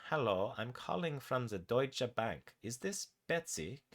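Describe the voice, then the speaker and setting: A man voicing a polite German woman calling from a bank, speaking in a higher, formal phone manner. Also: sing-song, measured pace.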